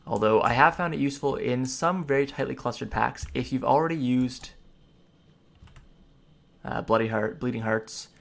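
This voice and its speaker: Man giving casual game commentary, slightly creaky. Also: medium pitch, moderate pace, pauses often. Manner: rambling, explanatory, lists ability names. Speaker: gamer giving a character class guide. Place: indoors at a computer, voice over gameplay.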